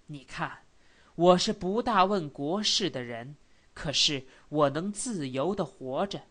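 A calm, sorrowful older scholar speaks low and quietly, each phrase measured and unhurried, as a woman reader puts him on. The voice sits deep and slow, gentle rather than forceful. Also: exaggerated voice.

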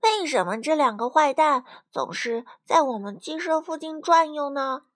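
A woman voicing a curious, lively young hen in a storybook, eager and wondering. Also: sits high, moderate pace, pitched above the performer's own voice.

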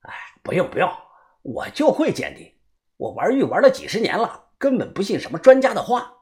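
Give me a man doing a fussy old Beijing man, hushed and coaxing, sly about jade. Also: high voice, wildly swooping pitch, a little fast, pitched above the performer's own voice, exaggerated voice. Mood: wheedling.

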